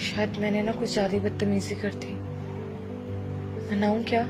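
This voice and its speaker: A woman's voice: medium pitch, little pitch movement, moderate pace, close to an everyday voice. An actress playing a young woman, a model, who pleads and apologizes at length to her elder sister-in-law in a chatty, wheedling way. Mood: pleading, apologetic. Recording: background score music.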